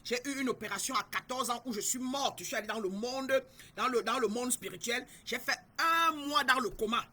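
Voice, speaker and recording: A middle-aged woman from Cameroon, a spiritual guide, preaches in a somewhat high, husky voice. She speaks with bright, forceful emphasis. She repeats her points and keeps turning to her listeners. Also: a little fast. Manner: emphatic, repetitive, addresses listeners directly. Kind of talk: spiritual teaching talk.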